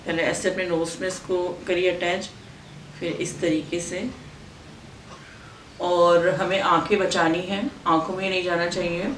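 A woman's voice: on the low side, flat delivery, very fast. A woman talking through a sheet mask on her face, explaining each step of a skincare demo like a tutorial. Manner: instructive, walks viewers through each step. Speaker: beauty product reviewer. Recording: roomy, distant, noisy home recording.

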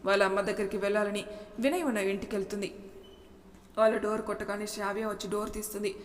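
A woman narrating a serialized audiobook story in a steady, even reading. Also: medium pitch, fast. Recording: reverberant room with faint noise.

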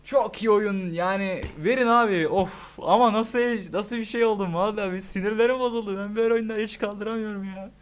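A young man talks through a horror game for his channel. He jokes with viewers and breaks into loud yells when the game startles him. His voice sits fairly high for a man. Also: fairly quick, hardly any pauses, clear, resonant tone. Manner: excitable, shouts at the game, joking. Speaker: gaming YouTuber. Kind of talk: let's play commentary.

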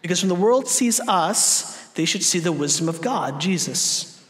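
A man in his thirties preaches from a big dark church stage, his voice sitting very high for a man. He acts out the voices in his stories and moves from near-shouts to soft, low lines. A long reverb hangs after his words. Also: measured pace. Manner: animated, acts out quoted voices, swings from loud to hushed. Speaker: guest preacher. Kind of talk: sermon.

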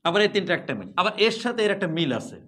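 Lively man drilling English sounds. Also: high-pitched, fast talker. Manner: animated, teasing, drills sounds by repeating them. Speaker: English teacher. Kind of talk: live pronunciation class.

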